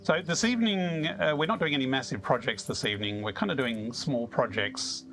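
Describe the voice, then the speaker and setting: A man's voice: mid-range voice, fairly quick, fairly bright tone, a little hiss or hum. Chatty Australian man streaming a game. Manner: chatty and easygoing, chuckling often, chats with viewers. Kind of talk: casual live-stream chat while playing.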